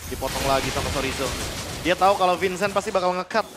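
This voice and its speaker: A man's voice: high-pitched, quick pace. A man with an Indonesian accent giving analytical esports caster commentary. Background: music.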